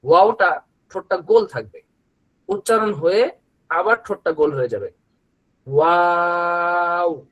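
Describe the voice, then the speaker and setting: A man with a Bangladeshi Bengali accent teaching the Arabic letters as a Quran teacher, patiently repeating each sound in long, drawn-out recitation. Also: high-pitched, lo-fi sound. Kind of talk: slow letter-by-letter recitation lesson.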